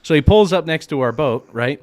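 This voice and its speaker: A man hosting a casual podcast chat, laughing often and telling lively stories. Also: a little high, a little fast, no echo. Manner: laughs often, animated storytelling. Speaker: podcast host.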